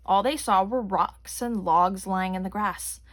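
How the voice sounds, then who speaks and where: A woman reading a children's story aloud with gentle, clear storytelling. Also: mid-range voice, unhurried. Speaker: reader. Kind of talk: children's read-aloud narration.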